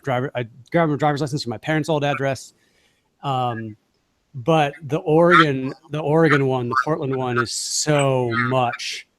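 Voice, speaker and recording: A man from Washington State, a guest on a casual podcast, talking in a chatty way with many fillers. His pitch sits in the middle range. A faint hiss of noise runs under his voice. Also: a bit bright. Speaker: guest, cannabis writer. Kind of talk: casual interview.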